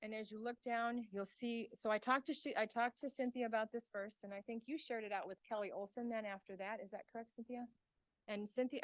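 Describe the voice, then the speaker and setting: A woman on the extension staff presents a grant proposal to a county committee, explaining it conversationally and fielding questions. Her voice is medium-pitched, with no room sound.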